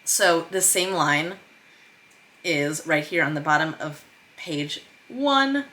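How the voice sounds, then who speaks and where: A screenwriter and director teaches script revision in an informal explainer vlog, thinking aloud in an emphatic, self-deprecating way. She has a low, sharp-toned voice and speaks slowly.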